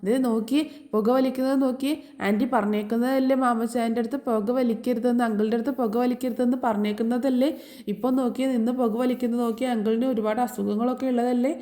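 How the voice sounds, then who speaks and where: A woman's voice: a little high, fairly even intonation, quick pace, mellow, natural voice. A woman voicing a cheeky young girl who tattles insistently on her uncle. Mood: tattling.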